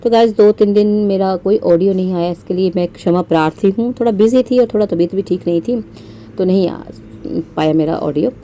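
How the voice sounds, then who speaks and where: A woman's voice: mid-range voice, brisk, mellow, a little hiss or hum. A woman from India hosting her own podcast, giving sarcastic, scolding roast commentary with frequent fillers. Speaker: podcast host.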